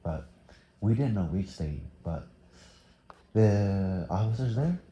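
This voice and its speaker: Very deep, dark-voiced teen boy. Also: lively intonation, slow pace, roomy sound, muffled recording. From Thailand. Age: teens. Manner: hesitant, many fillers and restarts. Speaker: interviewee. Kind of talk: casual interview answers.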